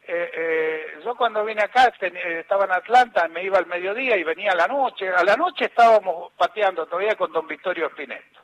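A man's voice: high voice, a little fast, a bit bright, rough recording. Older Argentine man telling old stories. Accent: Argentine Spanish. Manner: rambling, with many restarts and acted quotes. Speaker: interviewee, former footballer. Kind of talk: anecdotal storytelling.

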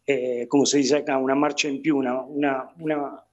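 A man's voice: mid-range voice, flat delivery, moderate pace, darkish tone, lo-fi sound. A man with an Argentine accent, chatting casually as a guest and rambling through restarts and repeated words. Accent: Argentine Spanish. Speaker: guest, Argentine living in Italy. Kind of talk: casual conversation.

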